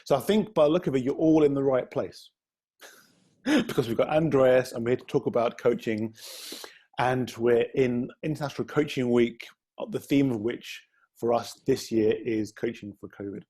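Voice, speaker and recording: A man hosts a live-streamed interview in a chatty, friendly way, stumbling a little over his words as he introduces his guest. His voice is dark and mellow with a husky edge. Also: mid-range voice, normal speed. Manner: chatty, gently hesitant, friendly questioning.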